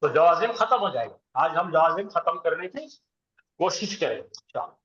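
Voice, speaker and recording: A man's voice: a little high, sing-song, normal speed, fairly bright tone. A man teaching Arabic grammar to a class. He quizzes the students with call-and-response questions and chants verb conjugations in rhythmic lists. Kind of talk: classroom lecture. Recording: roomy, dull lo-fi classroom recording.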